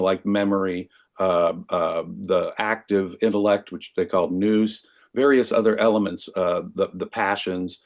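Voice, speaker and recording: Low-voiced man lecturing on philosophy. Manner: lecturing, wry asides to listeners. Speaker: guest. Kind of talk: explaining philosophy history in podcast conversation.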